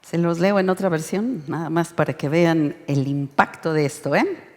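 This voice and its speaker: A woman with a Mexican accent leading an interactive Bible study lesson, expressive and urging the group to read along. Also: low voice, moderate pace. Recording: reverberant hall sound.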